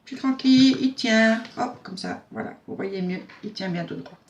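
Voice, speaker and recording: A woman's voice: on the high side, expressive, normal speed, slight background noise. A woman hosts a casual craft tutorial. She chats in a homely way and talks through each step as she works, with frequent fillers and self-mocking humor. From Belgium.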